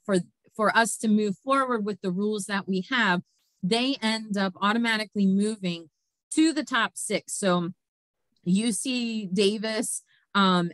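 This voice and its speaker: A woman's voice: medium pitch, fairly bright tone, dry recording. A woman hosts an online show and walks through the competition results in a loose, chatty way. She uses plenty of fillers and laughs often. The sound is dry and close, with almost no room around it. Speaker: host. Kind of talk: casual presentation of competition results.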